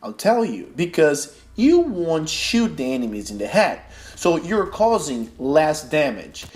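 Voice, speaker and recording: The gaming tutorial host here is a young Brazilian man, a non-native English speaker with Portuguese as his first language and a noticeable accent. His voice is on the high side yet darkish in tone, sing-song and unhurried as he lays out gameplay tips step by step.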